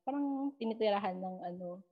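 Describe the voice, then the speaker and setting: A woman's voice: medium pitch, a little fast, muffled recording. Filipina woman telling ghost stories. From Philippines. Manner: mixes English into Tagalog, animated retelling with quoted dialogue. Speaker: guest storyteller. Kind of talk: casual storytelling chat.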